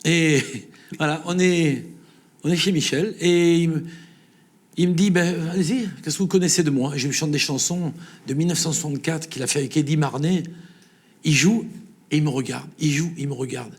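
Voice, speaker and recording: A man with a southern French accent, a singer, telling lively anecdotes in an interview and laughing often. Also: a little high, normal speed, breathy edge. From south of France. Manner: lively storyteller, laughs often, acts out dialogue. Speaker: singer guest. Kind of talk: storytelling interview.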